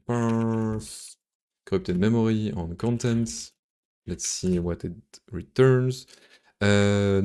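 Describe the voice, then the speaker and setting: A live-streaming programmer with a French accent casually comments on his own code, muttering hesitantly to himself at a slow pace. His very low voice is smooth, with a dark, mellow tone.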